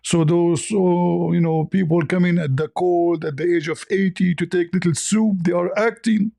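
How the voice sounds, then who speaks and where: Guy hosting a livestream, gravelly mellow voice, mocking everyone sarcastically. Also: high voice, level tone, moderate pace. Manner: repeats phrases for emphasis. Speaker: livestream host. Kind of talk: livestream commentary.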